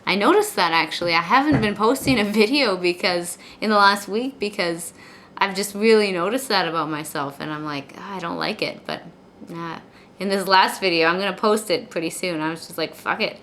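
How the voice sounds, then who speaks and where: A woman talks confessionally to camera in a casual video blog, speaking briskly in a mid-range voice. She rambles, repeating words and phrases before finishing, and her soft R's drift toward W. Background noise is clearly audible.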